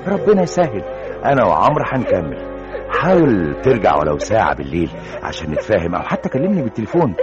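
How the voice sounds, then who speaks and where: A soothing, reasonable senior engineer with an Egyptian accent in a vintage radio drama. His voice sits low but swings widely in pitch, and the talk moves fast. The recording is dull and muffled, with music underneath. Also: wildly swooping pitch. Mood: persuasive. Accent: Egyptian Arabic. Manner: soothing, reasonable, takes charge. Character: calm, persuasive male engineer, fatherly senior colleague.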